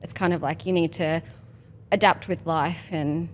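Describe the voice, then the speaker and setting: A woman's voice: low voice, fairly even intonation, normal speed, a little hiss or hum. A woman in her thirties talking candidly as a podcast guest, rambling with many fillers in casual chat. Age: 30s.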